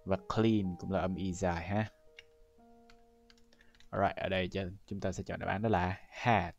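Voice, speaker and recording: Guy from vietnam going over an english exam, lowish voice, explains each step to the class, soft music behind. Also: steady tone, measured pace, vocal fry, muffled recording. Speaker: English teacher. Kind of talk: exam-prep lesson walkthrough.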